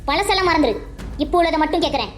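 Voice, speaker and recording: A pushy young woman in a cartoon, teasing her friend with one needling question after another, voiced by a woman. The voice is very high and the questions tumble out fast. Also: animated, a little hiss or hum. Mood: insistent. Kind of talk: Tamil cartoon dub.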